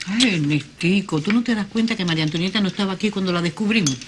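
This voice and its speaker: An actress with a Cuban accent playing an insistent, suspicious family matriarch. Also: female voice, mid-range voice, fast, noisy background, close to an everyday voice. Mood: indignant. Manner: insistent, accusing, gossipy. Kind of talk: telenovela acting.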